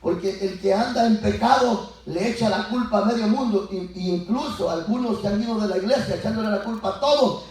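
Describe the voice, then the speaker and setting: Animated preaching man in an echoey church. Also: high-pitched, fairly quick. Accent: Latin American Spanish. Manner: animated preaching, acts out biblical voices, rising to shouts. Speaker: pastor. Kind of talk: Pentecostal sermon. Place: church sanctuary. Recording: echoey church heard from far off. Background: congregation answering.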